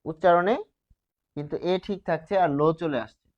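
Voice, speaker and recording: A man's voice: high voice, a little fast. Man teaching grammar in a lo-fi recording. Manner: explains step by step, asks and answers his own questions. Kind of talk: grammar lesson at a whiteboard. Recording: slightly dull, lo-fi sound.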